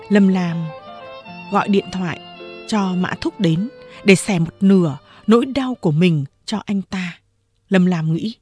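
A woman narrating a novel as an audiobook, in a measured storytelling manner. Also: medium pitch, a little mellow. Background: faint music.

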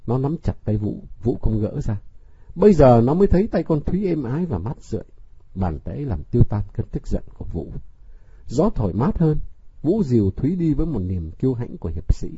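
A man reading a novel aloud as narrator, in an expressive storybook manner. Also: medium pitch, a little fast, slightly rough. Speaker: audiobook narrator. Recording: dull, dry lo-fi recording.

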